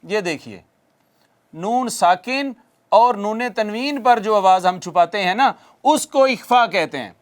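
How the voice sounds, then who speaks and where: A man's voice: sits high, lively intonation. A man teaching Quran recitation rules in a recorded lesson, asking questions and answering them himself, repeating key points and demonstrating nasal sounds aloud.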